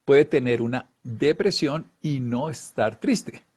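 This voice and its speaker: A male wellness speaker with a husky, slightly mellow mid-range voice talks slowly but animatedly, explaining emotions. Along the way he acts out little voiced examples and laughs at times.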